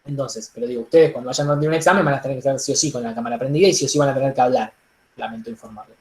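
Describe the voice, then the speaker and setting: A man's voice: medium pitch, rapid-fire, reverberant. Argentine man coaching public speaking. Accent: Argentine Spanish. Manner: animated, demonstrative, repeats "digo" and "entonces". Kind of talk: online workshop lesson. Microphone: laptop microphone on a video call.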